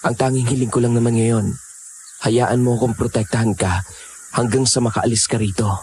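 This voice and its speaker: A man playing a protective young man with aswang blood, speaking in an earnest, steady manner. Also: mid-range voice, normal speed, a little hiss or hum, lightly acted. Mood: tender. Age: young adult. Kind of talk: Tagalog audio horror drama.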